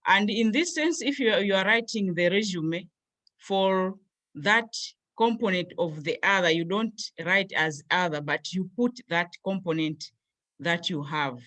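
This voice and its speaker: A woman's voice: on the low side, measured pace. A young woman from Malawi, a graduate student, presenting a workshop over a video call and going through points one by one. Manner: steady explanatory pace, lists points one by one.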